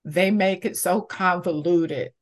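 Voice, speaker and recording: A woman from Georgia answering interview questions conversationally, in a measured, deliberate way. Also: on the low side. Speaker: interviewee, community campaigner.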